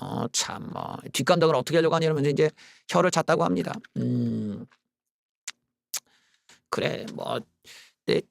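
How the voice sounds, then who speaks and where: A man hosting solo political commentary, blunt and scornful, ranting with rough slang. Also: fairly high pitch, expressive, normal speed, long pauses. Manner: mocks slogans in loud shouted bursts.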